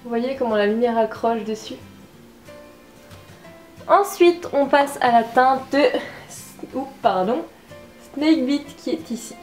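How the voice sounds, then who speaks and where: A woman with a slightly high voice chats enthusiastically while reviewing makeup, poking fun at herself along the way. The room is echoey, and faint music plays in the background. Her tone is casual and excitable. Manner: chatty, enthusiastic, self-deprecating. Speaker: beauty vlogger.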